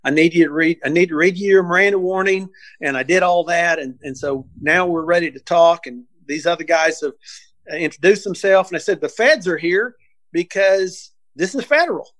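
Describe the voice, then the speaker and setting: Man telling a story, animated. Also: fairly high pitch, fairly quick, no echo. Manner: animated, acts out quotes, frequent restarts. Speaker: wildlife officer telling a case story. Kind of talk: casual storytelling interview.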